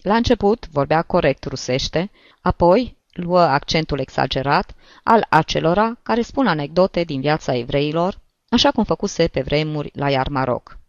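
A male narrator reading a classic story aloud in a measured, expressive way, his pitch moving in a lively range. The recording is close and dry, with a dull, lo-fi tone. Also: dry recording. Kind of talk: audiobook narration.

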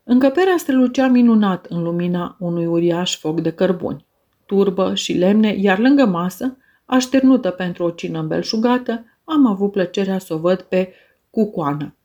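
A woman's voice: mid-range voice, lively intonation, warm tone. Woman narrating a classic novel. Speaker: audiobook narrator. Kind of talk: literary audiobook narration.

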